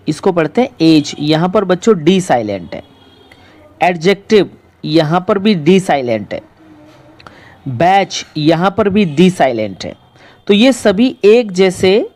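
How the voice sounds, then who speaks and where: A teacher walks pupils through a textbook exercise at a slow, unhurried pace. The voice sits at an ordinary middle pitch, and key words are repeated again and again so the class can follow. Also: a little mellow. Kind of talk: explaining a school textbook exercise. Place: recorded lesson video.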